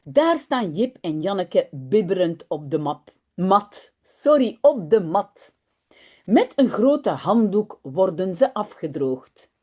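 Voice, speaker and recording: Animated woman teacher reading slowly. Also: mid-range voice. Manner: animated, friendly, slow and careful reading. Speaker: Dutch language teacher. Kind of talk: reading a children's story aloud and explaining it. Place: home office.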